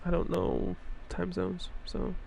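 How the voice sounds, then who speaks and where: A man's voice: high-pitched, very animated, slow pace, gravelly, slight background noise. A tired young man chatting casually while he streams a game, rambling with lots of fillers and casual swearing. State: tired, yawning. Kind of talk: casual live-stream chat. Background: loud game music.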